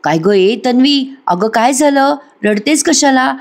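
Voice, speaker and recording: A woman's voice: sits high, expressive, a little slow, voice pushed up. Woman voicing a gullible, soothing young husband. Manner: soothing, coaxing.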